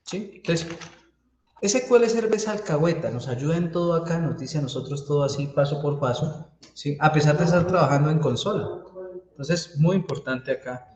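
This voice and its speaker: A man's voice: on the high side, animated, normal speed, darkish tone. A man teaching a university database class, walking students through code step by step and checking in with them often. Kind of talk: live coding class lecture. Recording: echoey room, faint keyboard typing.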